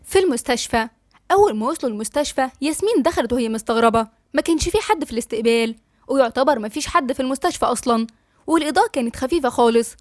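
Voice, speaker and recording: A woman narrating a story in an Egyptian Arabic accent, with a rapid, even storytelling manner. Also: high voice, no echo. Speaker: audiobook narrator.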